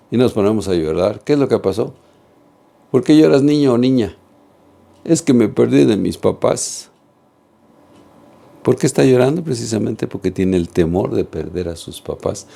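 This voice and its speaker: A man's voice: on the low side, vocal fry, warm tone. A man giving an earnest religious teaching talk, speaking straight to viewers and asking them questions. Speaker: catechist.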